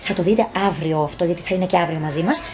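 A woman in her thirties chatting casually to camera for her vlog, playful and teasing, filming on a phone at her makeup academy. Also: on the low side. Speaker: vlogger, makeup academy owner. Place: busy makeup academy during a workshop. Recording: chattering crowd around. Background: crowd chatter.

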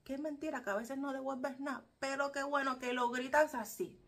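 Expressive Cuban woman vlogger. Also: sits high, normal speed. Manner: expressive, explaining slang with acted quotes. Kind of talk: casual talk to camera.

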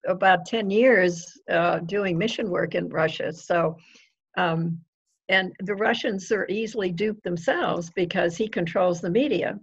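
Older female guest, husky voice, eager, quick to agree; muffled lo-fi line. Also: lowish voice. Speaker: guest author. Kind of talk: conversational interview.

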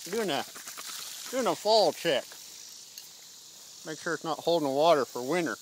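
A man speaks through the pipe clenched in his mouth, keeping up a relaxed, matter-of-fact running commentary as he works. He is outdoors on a quiet rural street, and crickets and insects chirp clearly behind him on the camera audio. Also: on the high side, normal speed, background noise. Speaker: vlogger checking fire hydrants. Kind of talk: casual narration while working.

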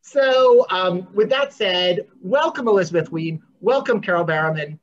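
A bookstore host introducing a virtual event over a video call, halting and full of fillers. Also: medium pitch, animated, highs cut off.

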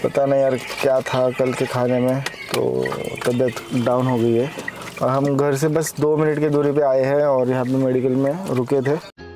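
A man's voice: mid-range voice, flat delivery, unhurried, over music. A man in his forties from India, vlogging casually on a lapel mic while feeling unwell, rambling with fillers. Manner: chatty, rambling, fillers like yaar. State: unwell, upset stomach. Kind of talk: casual travel vlog. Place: home, car, roadside eatery. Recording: noisy background, road and vehicle sounds.

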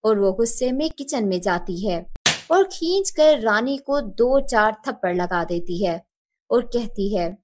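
A woman giving scripted narration for a cartoon story in a steady, expressive way. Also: medium pitch, unhurried, background noise.

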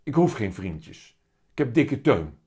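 A man doing a high, excited little boy. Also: takes it slowly. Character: young boy, shy and eager. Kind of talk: reading a children's book aloud.

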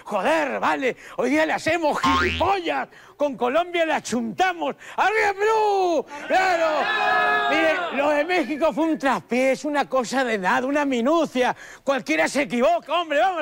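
A man's voice: very high voice, animated, moderate pace, gravelly, exaggerated voice. A man playing a boastful, foul-mouthed football coach, in a sketch press conference before a laughing audience. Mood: shouting, boastful. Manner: boastful, insulting, shouting at players. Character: brash foul-mouthed Spanish-accented male football coach.

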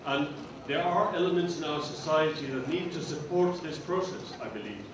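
An older man asks a panel a long question from the floor through a handheld mic. He sounds earnest and insistent, and keeps stacking up what "we need". His voice sits fairly high and carries a lot of hall echo, heard from a distance with a steady noise floor. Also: moderate pace. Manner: earnest, declarative, repeats "we need". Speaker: audience member asking a question. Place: conference hall audience, indoors.

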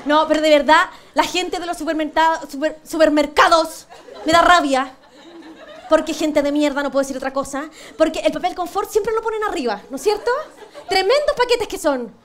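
Speaking at a normal pace in a high-pitched voice, this Chilean woman does a comic monologue for a TV panel show. She's cheeky and self-mocking, with crude punchlines. Some chatter and the studio audience's laughter can be heard behind her in the TV studio.

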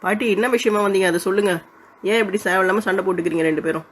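Warm-hearted peacemaking elder sister, brisk and gently firm, acted. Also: mid-range voice, close to an everyday voice. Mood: mediating. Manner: soothing, scolding her sister gently, generous. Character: kind, calm elder sister who mediates. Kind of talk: comic village skit acting.

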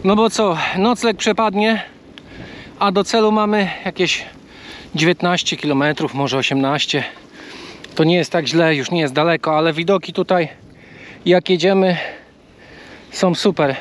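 A man's voice: sits high, steady tone, unhurried, long pauses, slight background noise. A man casually vlogging from a bike trail outdoors, talking in a chatty, easygoing way. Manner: chatty, coaxing talk to a bird. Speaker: travel vlogger. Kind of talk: casual travel vlog.

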